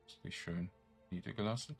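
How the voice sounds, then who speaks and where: A man with a low, somewhat breathy voice streams a game fairly quickly, chatting informally to himself and his viewers. As a let's player, he mixes casual commentary with reading game text aloud, faint music behind him.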